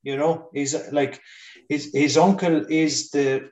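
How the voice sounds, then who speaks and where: Irish guy from the west, west of ireland accent, chatting sport, halting, echoey and a bit off the mic. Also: a little high, steady tone, darkish tone. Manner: halting, thinking aloud. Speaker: sports pundit. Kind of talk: casual Gaelic football discussion. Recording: roomy echo, distant from mic.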